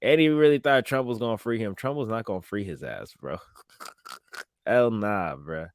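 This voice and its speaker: A man's voice: on the low side, animated, normal speed, dry recording, studio quality. A man hosting a podcast, chatting loosely in slang about news clips and laughing at his own remarks. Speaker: podcast host. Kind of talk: casual commentary on news clips.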